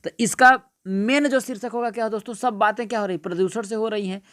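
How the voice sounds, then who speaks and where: A man's voice: high voice, steady tone, brisk, a bit bright, no room sound, studio quality. A male teacher giving an exam-prep grammar lesson, repeating points and asking his friends rhetorical questions. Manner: repetitive, keeps asking "what is it, friends?".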